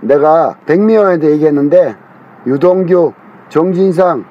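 A man's voice: on the high side, a little slow, slight background noise. Rambling, scolding man on a muffled phone line. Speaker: older brother on a phone call. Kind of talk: heated private phone call.

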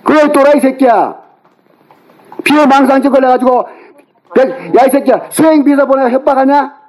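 A man with a very high, strained-sounding voice tears into someone during a phone argument. He shouts, berates and throws insults without letting up, his tone harsh and relentless. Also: normal speed, low-quality recording.

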